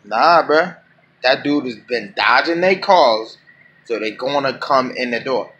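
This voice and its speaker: A man reacting to a video clip in a profane, animated rant. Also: mid-range voice, a little slow, muffled recording. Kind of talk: casual reaction commentary.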